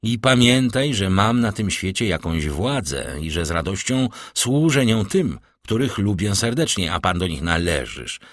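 A man reading the part of a calm, worldly nobleman who speaks with smooth, measured courtesy. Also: on the low side, no room sound, studio quality, exaggerated voice. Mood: courteous. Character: suave worldly nobleman, calm and gently teasing. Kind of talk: audiobook character reading.

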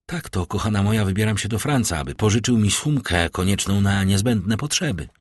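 A man's voice: on the low side, animated, brisk, dry recording, clean studio sound. A man voicing a proud, determined young nobleman in an audiobook, speaking firmly and earnestly. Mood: earnest resolve.

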